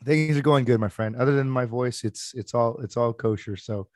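A man co-hosting a podcast in casual chat, his voice hoarse and worn out from being sick. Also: medium pitch, moderate pace, darkish tone, dry recording, clean studio sound. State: hoarse, lost his voice to illness. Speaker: podcast co-host.

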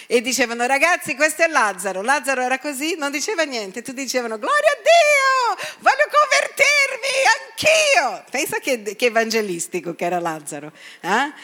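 A woman preaching a sermon in a lively way, acting out the people in her story and sometimes dropping to a hushed voice. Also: a little high. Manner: animated, acts out quoted voices, drops to hushed tones.

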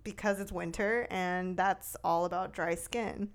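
A woman's voice: fairly low pitch, steady tone, a little slow. Bubbly young woman podcast co-host. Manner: bubbly, laughs often. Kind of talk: casual chat.

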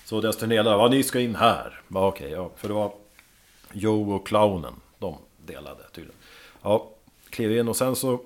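A man, a drummer, chatting casually as a guest and telling lively stories with plenty of casual swearing. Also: lowish voice. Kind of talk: casual podcast chat.

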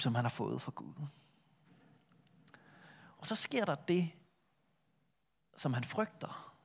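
With a slightly high, gravelly voice, a middle-aged pastor recounts a Bible story while preaching, alternating vividly between full-voiced passages and quiet, hushed ones.

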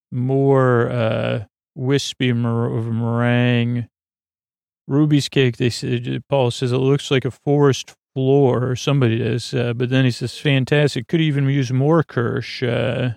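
A man hosting a sleep podcast, recapping a show in a meandering, halting way with many fillers and restarts. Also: mid-range voice, gravelly, darkish tone, dry recording, studio quality. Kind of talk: rambling bedtime recap.

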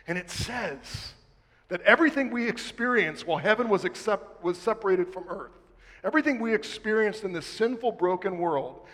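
A man preaching a sermon, swinging between loud emphatic lines and hushed, slowed words. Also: high voice, animated, long reverb tail. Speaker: pastor.

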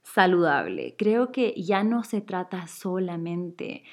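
A woman's voice: fairly low pitch, huge pitch swings, takes it slowly. A woman in her twenties, born in Chile, talking candidly and casually to her viewers, with lots of fillers and light laughs. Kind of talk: casual vlog monologue.

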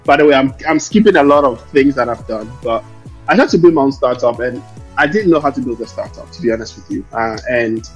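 A man tells his story as an interview guest, circling back and correcting himself as he goes. His voice is a little husky. The recording is dull and lo-fi, with music behind it. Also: mid-range voice, brisk. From Lomé, Togo; later Ireland. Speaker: interview guest, investor and founder. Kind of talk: conversational interview answers.

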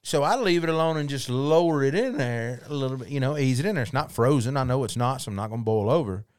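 A man's voice: mid-range voice, expressive, fast talker. A man with a Southern US accent hosting a casual podcast and telling stories in a folksy way. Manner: folksy storytelling. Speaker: podcast host.

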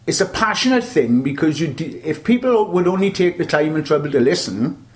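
A man's voice: fairly high pitch, animated, fairly quick. An older man with a South Wales Valleys accent, reminiscing in a chatty, rambling way as an interview guest. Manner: rambling, chatty storytelling with repeated starts. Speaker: interview guest, veteran butcher.

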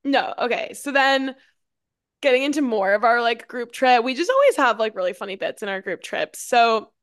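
A young woman co-hosting a podcast keeps the conversation moving with chatty asides and quick agreement. Her voice sits a touch high. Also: sing-song, a bit bright. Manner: chatty, adds details, frequent agreement. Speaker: podcast co-host. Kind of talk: casual chat.

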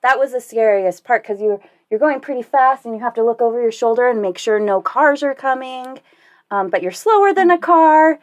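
A young woman recounts a trip in relaxed conversation, her voice sitting a little high. She is animated, laughs often and slips into voices to act out her own quotes. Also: moderate pace. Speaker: guest telling a cycling story. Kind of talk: casual storytelling.

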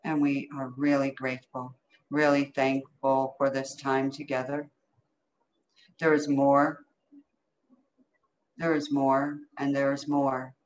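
A woman's voice: extremely low pitch, flat delivery, slow, pauses often. A woman leading an improvised energy healing session as a healer, speaking in short, incantatory phrases with repeated commands. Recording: dull, lo-fi call audio with noise.

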